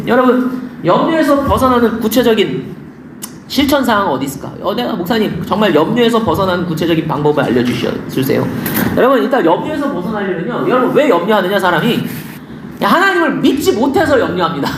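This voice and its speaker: A pastor preaching a sermon in a casual, conversational way, asking the congregation rhetorical questions. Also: mid-range voice. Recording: echoey room with faint background noise.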